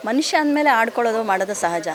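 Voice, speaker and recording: A middle-aged actress with a Kannada accent, speaking with heartfelt, measured emotion about her late son in an interview. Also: fairly high pitch, lively intonation. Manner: heartfelt, measured, often addresses interviewer as sir. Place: outdoors at an event with a crowd. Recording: crowd noise behind.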